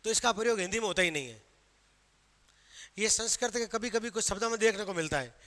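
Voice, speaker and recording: A man with a Rajasthani Hindi accent teaches a grammar class, quizzing students with questions he then answers himself. His voice sits high and sounds animated, fast, bright, and forceful. The recording carries the long reverb of a hall.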